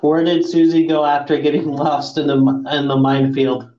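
A man's voice: fairly high pitch, level tone, moderate pace, a crowd in the background. Man podcasting as if inside an echoey fishbowl. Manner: crude dark-humored joking, swearing. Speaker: podcast host. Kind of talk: casual joking podcast chat. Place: echoey room, not soundproofed. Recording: echoey untreated room, fishbowl-like, muffled.

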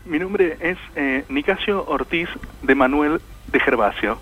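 A man's voice: a little high, lively intonation, unhurried, dull audio, a loud crowd. A man voicing a cheerful, courteous 96-year-old party loyalist with an Argentine accent. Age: older. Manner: chatty, amused, courteous.

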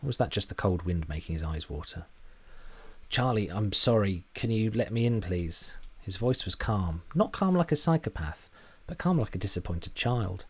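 A man's voice: low voice, darkish tone, husky. A man narrating a story in a dry, wry manner.

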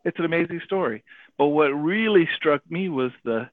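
A man telling a personal story and drawing a faith lesson from it, animated, acting out the people he quotes and often adding "right?". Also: a little high, normal speed, no echo. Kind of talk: casual radio talk. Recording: tinny phone-like radio audio.

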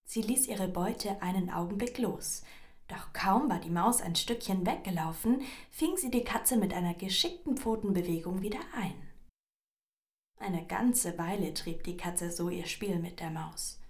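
A woman reading a children's story aloud with expressive, dramatic pauses. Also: lowish voice.

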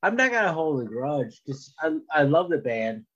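A man from Sweden, chatting slowly and haltingly in a good-humoured way. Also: a little high, very animated, a bit bright, breathy edge. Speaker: touring sound tech guest. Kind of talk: casual chat. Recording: dull lo-fi sound.

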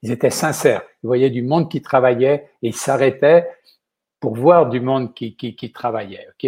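A man's voice: medium pitch, moderate pace, a little mellow, slightly rough. An older man with a Quebec French accent, a chef speaking as an interview guest in a rambling way, often adding "ok?". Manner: rambling, tags sentences with "ok?". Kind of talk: casual interview talk.

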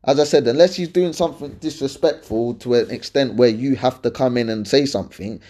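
A man's voice: mid-range voice, fairly quick, mellow. A man with an urban London roadman accent hosting a casual advice podcast, speaking colloquially and emphatically, often repeating points and checking that the listener follows. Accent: London, urban roadman slang. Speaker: podcast host answering listener questions.

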